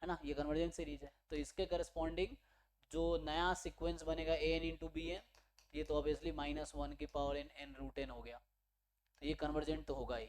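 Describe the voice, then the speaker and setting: A man's voice: a little high, level tone, normal speed, a crowd in the background. Male maths teacher explaining step by step. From India. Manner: explains step by step, mixing English terms and checking in with listeners. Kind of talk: online exam-prep lecture.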